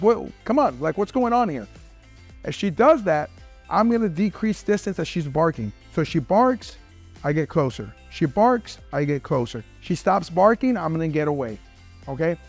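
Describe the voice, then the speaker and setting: This is a man with a notably high speaking voice who teaches dog training. He walks viewers through each step in a friendly coaching way, throwing in "right?" and "okay?" as he goes. Soft music plays faintly behind him. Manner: upbeat coaching talk, often checks in with "right?" and "okay?"; praises and commands the dog mid-session. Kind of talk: instructional training video.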